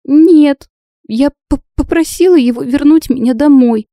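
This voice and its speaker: Brief: tearful young heroine, read by a woman, high, shaky, sniffling, stammers while crying, dry close audiobook sound. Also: unhurried, warm tone, dry recording.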